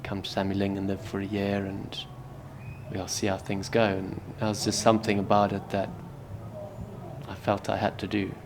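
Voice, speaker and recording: A man in his thirties from Zimbabwe, a Buddhist monk answering interview questions in a soft, hesitant way that often trails off quietly. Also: fairly low pitch, completely flat delivery, normal speed, background noise. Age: 30s.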